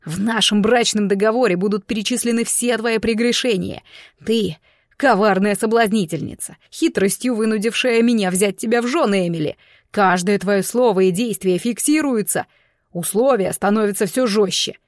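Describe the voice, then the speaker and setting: A woman's voice: medium pitch, moderate pace, dry recording, clean studio sound, natural voice. A woman voicing an arrogant, smug young man who mocks and bullies his fiancée. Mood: cold. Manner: mocking, condescending. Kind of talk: audiobook character voice.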